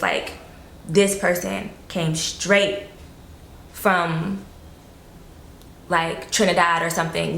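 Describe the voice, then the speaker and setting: A woman's voice: fairly low pitch, a bit bright, roomy sound, slight background noise. A woman from South Florida, chatting loosely as an interview guest, full of fillers and casual swearing.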